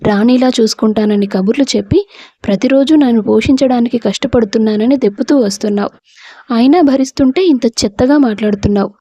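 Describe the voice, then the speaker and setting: A woman's voice: a little high, a little fast, warm tone, breathy edge, no room sound, dull audio. A woman voicing a hurt young wife and mother who speaks reproachfully. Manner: tearful, reproachful.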